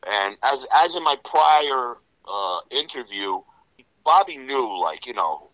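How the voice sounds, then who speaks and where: A middle-aged man with a New York Italian-American accent tells stories as an interview guest, loose and rambling and full of "you know." His medium-pitched voice is sing-song, slow and sharp-toned, on a rough recording with no room sound.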